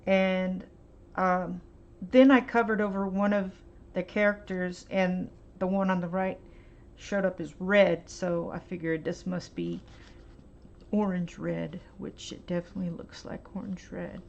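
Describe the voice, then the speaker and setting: In a dull lo-fi recording made at home, with a faint hiss, a woman chats through a paint swatching demo. She's an art vlogger whose fairly low voice holds a steady tone. Her delivery wanders and hesitates, and she keeps filling pauses with um and uh.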